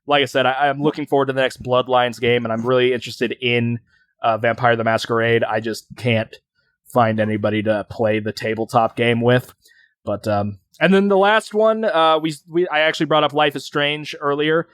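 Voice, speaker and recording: Casual and rambling, a male podcast co-host chats along with frequent fillers and restarts. His mid-range voice is slightly bright and clean at a moderate pace, captured in a dry, clean studio recording.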